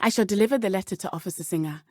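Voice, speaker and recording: A woman's voice: mid-range voice, mellow, no room sound, studio quality, close to an everyday voice. Natsai Onai, earnest teenage witch played by a woman. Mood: earnest, concerned. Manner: precise, measured, formal diction. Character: earnest, brave teenage schoolgirl witch from Uganda. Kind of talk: video game character dialogue.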